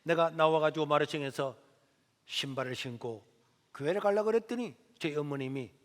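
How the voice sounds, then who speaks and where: Animated pastor preaching in an echoey hall. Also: male voice, a little high, moderate pace. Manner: animated storytelling. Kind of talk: sermon.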